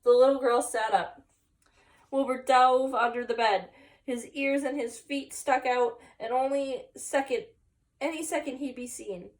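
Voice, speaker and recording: A woman with a high, fairly evenly intoned voice reads a children's picture book aloud at a measured pace, expressively and with chatty asides to young listeners. She is a teacher doing story time, and she sits far from the mic on a rough recording.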